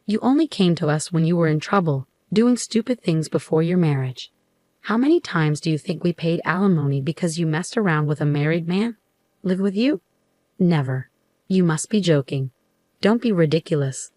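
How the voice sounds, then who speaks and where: A woman's voice: sits low, lively intonation, normal speed, no room sound. A woman reading as an enraged, scornful mother. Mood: angry. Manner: sharp, scornful. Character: enraged mother scolding her daughter.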